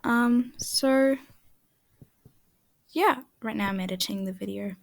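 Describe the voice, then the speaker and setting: A woman with a high voice talks slowly through a relaxed voice-over while she draws. Her chat rambles and often sinks to a half-whisper, and the sound is dry and close. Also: gravelly, no room sound. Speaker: art channel creator. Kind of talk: casual voice-over while drawing.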